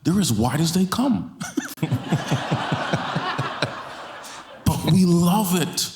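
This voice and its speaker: A guest speaker in his forties preaches with passion from a church stage, using a handheld mic and repeating lines for stress. His high voice is expressive and draws out words, set against a noisy background in a roomy church hall.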